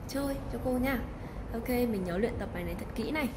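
A woman's voice: on the high side, fast talker, noisy background. A woman, teaching English patiently, repeating model phrases and checking in often. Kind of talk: teaching a recorded lesson.

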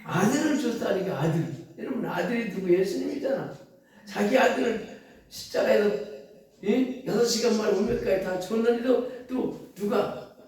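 Man pastor, mellow tone, emphatic sermon, very echoey church heard from far off. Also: high voice, lively intonation, normal speed. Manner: emphatic preaching, quoting scripture, rhetorical questions to congregation. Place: church sanctuary.

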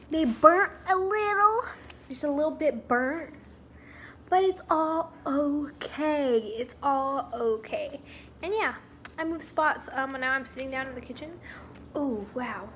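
A young woman with a high, fairly bright voice chats while baking at home for a casual vlog, joking about herself and saying "um" and "like" constantly. There is slight background noise, and the camera mic, at times across the room, captures a roomy, off-mic kitchen sound.

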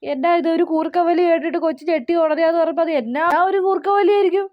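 A woman's voice: extremely high pitch, fast, dry recording, muffled recording, pitched above the performer's own voice. A woman playing a fussy, scolding middle-aged mother-in-law in a comedy sketch, nagging in exclamations.

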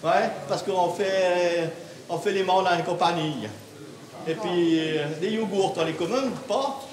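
A man's voice: high-pitched, a little slow, crowd noise. An older man working as a shelter night watchman, talking bluntly and scolding his coworkers in a basement kitchen, full of fillers. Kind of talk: unscripted documentary conversation. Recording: echoey tiled room.

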